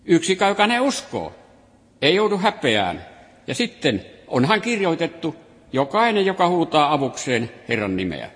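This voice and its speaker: A man's voice: a little high, sing-song, a bit bright. A man preaching a sermon, reading and explaining scripture with rising and falling emphasis. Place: hall. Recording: long reverb of a hall.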